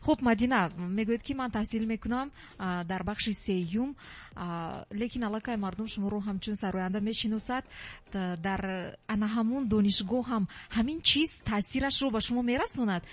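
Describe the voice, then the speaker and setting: A woman hosting an evening radio call-in show, reading out listener questions in a lively way. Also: mid-range voice, moderate pace. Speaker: radio host.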